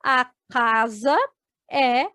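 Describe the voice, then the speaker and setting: Her voice is on the high side, steady and sharp, with no room sound in the recording. She is a Brazilian woman with a Brazilian Portuguese accent, slowly spelling out words syllable by syllable for students in an adult education video lesson.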